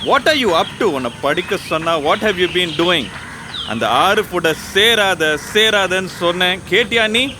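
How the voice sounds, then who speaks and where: Man playing a slow, scolding stern father. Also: high-pitched, lively intonation, background noise. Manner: slow, scolding, mixing English and Tamil.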